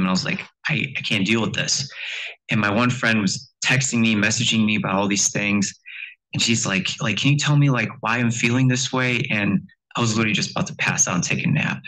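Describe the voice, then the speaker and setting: A man's voice: on the low side, bright, forceful tone, low-quality recording. A young man speaking as a guest in a church, telling personal stories in a chatty way, with constant "like" and acted-out quotes. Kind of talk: casual storytelling talk.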